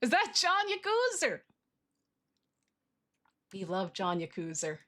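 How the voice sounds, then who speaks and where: A woman's voice: medium pitch, wildly swooping pitch, slow, a bit bright. A woman livestream host chatting casually while she draws, with a cute, bubbly anime-streamer manner and playful, informal slang.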